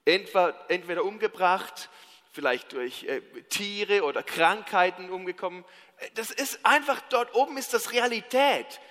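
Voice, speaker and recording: A man with a Swiss German accent preaching a sermon, telling humorous personal stories in a lively, animated, self-mocking way. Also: sits high, moderate pace, in a large hall. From Switzerland.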